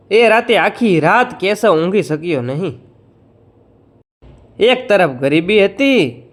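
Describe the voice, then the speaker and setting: A male storyteller narrates a heartfelt moral folk tale from a script, leaning into its emotion. His voice sits high and moves with a lively, animated range.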